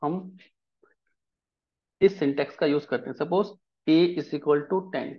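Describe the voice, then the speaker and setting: A fairly high-voiced man walks his students through code, step by step. He keeps asking if everything is clear before moving on. The recording is dull and lo-fi. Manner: explains slowly, checks often if the class follows. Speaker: programming teacher. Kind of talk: live coding lesson.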